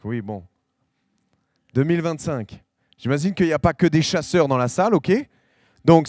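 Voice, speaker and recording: A man preaching a sermon, talking to the congregation as tu and slowing to lean on each quoted verse. His voice sits on the high side for a man. The sound is dry and close, with little room echo. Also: darkish tone. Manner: conversational preaching, addresses listeners with tu, frequent restarts; slows and stresses scripture quotes. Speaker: pastor. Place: church hall.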